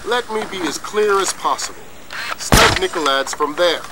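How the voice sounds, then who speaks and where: An actor playing a stern, authoritative spy commander giving terse briefings in a video game. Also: male voice, high-pitched, moderate pace, heavy background noise, natural voice. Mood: urgent. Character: stern male spy agency commander briefing his agent.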